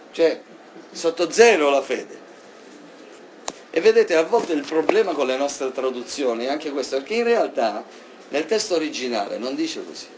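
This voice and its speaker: An animated man preaches a sermon, his fairly high voice jumping from loud emphatic bursts to soft asides. A faint hum of ambient noise sits behind him.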